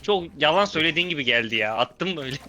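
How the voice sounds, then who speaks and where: A man's voice: a little high, lively intonation, very fast, bright, forceful tone, faint music behind. A man hosting a gaming video, chatting casually and calling out plays to his teammates over a headset. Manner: joking, calls out plays to teammates. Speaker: gaming channel host.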